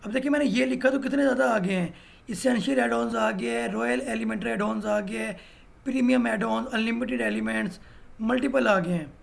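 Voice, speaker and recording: Gravelly high-voiced man explaining a tutorial. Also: expressive, moderate pace. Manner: explains step by step, often adding "भाई". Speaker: web design instructor. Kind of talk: screen-recorded software tutorial.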